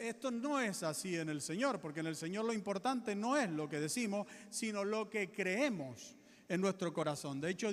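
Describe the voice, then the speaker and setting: A man with a Spanish accent preaching a sermon as a pastor, earnest, slowing down to stress key points. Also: high voice, in a large hall. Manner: earnest preaching, slows right down for emphasis.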